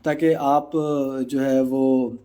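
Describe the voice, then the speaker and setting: A man's voice: mid-range voice, little pitch movement, warm tone. A man in his thirties with a Pakistani Urdu accent, chatting casually on a live stream as he reads out and answers viewer comments, mixing English into his Urdu. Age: 30s. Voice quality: mixes English into Urdu, frequent filler pauses. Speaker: bodybuilder answering live chat.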